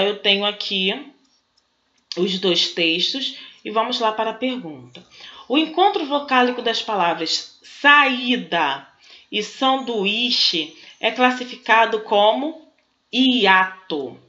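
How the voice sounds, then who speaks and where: A woman's voice: fairly high pitch, expressive, takes it slowly, sharp tone. A woman teacher with a Brazilian Portuguese accent, explaining exercises in a recorded class. She asks questions and then answers them herself. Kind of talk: recorded online class, working through exercises. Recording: echoey room, dull lo-fi sound.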